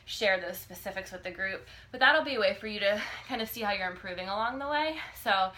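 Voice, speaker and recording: A woman in her thirties giving a casual, halting exercise demonstration as a fitness coach, often checking in as she instructs. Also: medium pitch, bright, forceful tone. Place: living room, indoors. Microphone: phone or camera a few feet away. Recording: noisy home video, phone mic.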